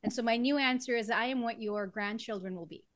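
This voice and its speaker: Brisk and fairly high-pitched, a woman guest singer from Trinidad chats through a relaxed interview, breaking into laughter frequently while she explains. The recording is dry, close, and free of echo.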